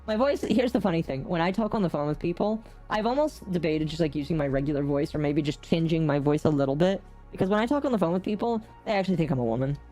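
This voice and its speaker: A soft-spoken man whose voice runs through a hardware voice changer that shifts it toward a woman's, chatting casually with a guest on his stream. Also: animated, fast, hardly any pauses, faint music behind. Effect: hardware voice changer shifting his pitch toward a low female voice. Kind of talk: casual chat.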